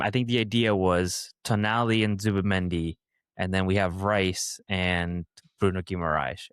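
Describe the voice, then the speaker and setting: Male podcast co-host, low register, close dry mic, rambling casual delivery. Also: clean tone, dry recording. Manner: rambling, thinks aloud with fillers. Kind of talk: casual football chat.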